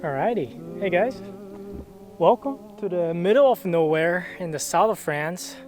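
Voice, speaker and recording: A man's voice: high-pitched, animated, a little slow, music in the background. Chatty young man vlogging. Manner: chatty, explanatory tour-guide delivery. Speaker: travel vlogger. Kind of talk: casual travel vlog narration.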